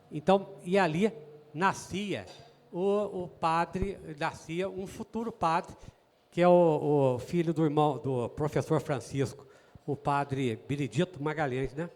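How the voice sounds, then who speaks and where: A man's voice: fairly high pitch, measured pace, big-room sound. A man, a guest telling stories in a chatty, folksy way with many asides to his listeners. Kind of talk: storytelling in an interview.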